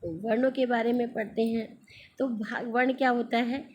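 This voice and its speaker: A woman's voice: a little high, steady tone, normal speed, muffled recording, slight background noise. A woman teaching a grammar lesson to children, speaking patiently and calling her students "beta" as she asks questions and answers them herself. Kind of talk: screen-recorded classroom lesson.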